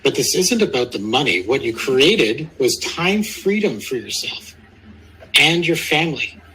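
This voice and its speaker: A man with a bright, forceful voice and a husky grain hosts a motivational webinar. He speaks emphatically at a middle pitch, restating key phrases. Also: sing-song, unhurried, rough recording. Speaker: webinar host.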